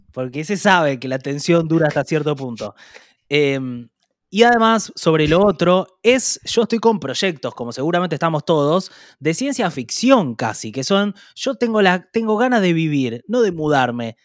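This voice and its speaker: Soft, hesitant Argentine man. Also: on the high side, sing-song, normal speed, no room sound, clean studio sound. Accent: Argentine Spanish. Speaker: podcast co-host. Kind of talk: casual chat.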